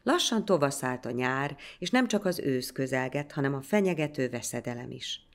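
A woman narrating a folk legend in a measured, scripted storytelling manner. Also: extremely low pitch, expressive.

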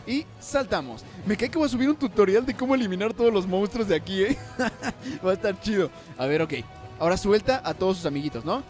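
A young Mexican man giving excited gameplay commentary, counting aloud and crying out at every miss. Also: high voice. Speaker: gaming channel host. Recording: faint music underneath.

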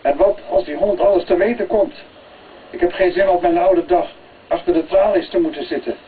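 Brief: male reader doing older crime boss in a storybook reading, bossy and loud, heard from off-mic with light hiss. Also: sits high, steady tone, brisk, voice pushed up, natural voice. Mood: worried. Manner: loud, shouting commands. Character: scheming older male drug-gang boss. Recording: tinny phone-like, distant, faint hiss.

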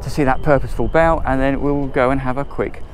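In a brisk, mid-range voice with fairly even intonation and a little hiss or hum, an English man gives a talkative, enthusiastic, loosely improvised tour. He's aboard a motor boat at a marina, filmed handheld while moving between cabins and decks.

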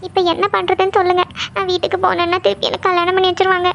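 A woman's voice: extremely high pitch, completely flat delivery, racing, creaky, a bit bright, slight background noise, full character voice. A woman voicing a tearful young woman in love who pleads for help. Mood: pleading. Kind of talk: cartoon voice acting. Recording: dull lo-fi recording.

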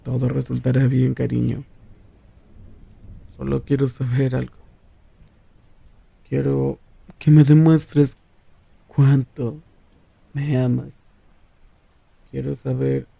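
A man acts out a possessive young serial killer for an ASMR roleplay, taunting his lover with slow contempt. The voice is very dark and deeply gravelly, with a husky edge. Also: level tone, dry recording, full character voice. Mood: possessive, menacing. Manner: taunting, condescending, drawn-out.

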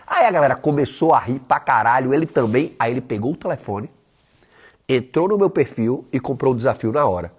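Guy ranting on a live, blunt and sweary, husky voice, pitch jumping all over. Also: lively intonation, brisk. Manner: blunt, profane, emphatic; tells stories and voices the people in them. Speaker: online weight-loss coach. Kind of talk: live-stream motivational talk.

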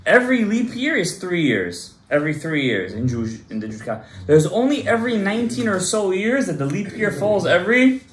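A man's voice: high voice, big pitch swings, brisk, few pauses, a little hiss or hum. A man in his thirties, a rabbi giving an emphatic Torah class to a small group and quizzing his listeners. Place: synagogue study room, indoors. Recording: roomy echo.

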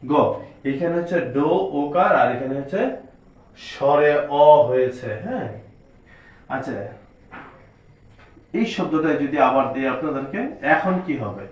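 Man teaching letters real slow, asks and answers himself, big echoey room, far dull mic. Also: a little high. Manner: spells out letters slowly, asks and answers his own questions. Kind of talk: step-by-step spelling lesson.

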